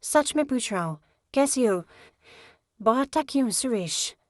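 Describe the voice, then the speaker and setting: A woman's voice: a little high, expressive, measured pace, no echo, clean studio sound. A woman doing a remorseful middle-aged husband. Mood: gentle. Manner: apologetic, gentle.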